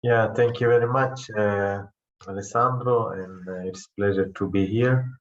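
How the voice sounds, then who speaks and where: A man from Afghanistan speaking as a guest on an online panel, with many pauses and fillers, over a video call. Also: on the low side, steady tone, highs cut off.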